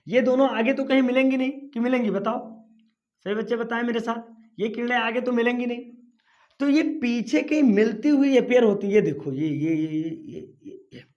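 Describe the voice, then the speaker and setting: High-pitched guy teaching physics, keeps quizzing the kids, kinda dull lo-fi sound. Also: moderate pace, darkish tone. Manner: coaxing, asks students questions and answers them himself. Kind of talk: classroom lecture at a board. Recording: dull lo-fi recording.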